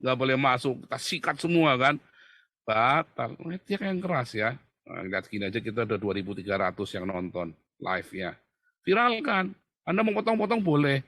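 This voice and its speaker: Male streamer, animated preacher-style rant, bright forceful voice, mid pitch. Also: brisk, dry recording, clean studio sound. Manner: animated and mocking, often addressing listeners as brothers. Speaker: livestream commentator. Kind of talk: fiery livestream monologue.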